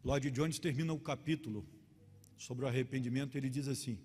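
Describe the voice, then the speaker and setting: A middle-aged man with a Carioca accent, a pastor preaching a sermon and telling stories with lively, acted-out scenes. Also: mid-range voice, fairly quick, a little hiss or hum. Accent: Carioca Portuguese. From Rio de Janeiro. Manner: animated storytelling, acting out quarrels. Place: church hall. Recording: long church hall reverb.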